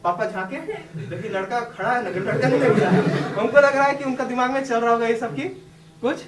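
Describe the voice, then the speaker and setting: A man's voice: very high-pitched, a little fast, over a noisy crowd. A young man telling a class the personal story of his exam success, chatty and laughing often as he talks. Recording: echoey room, distant mic, background noise.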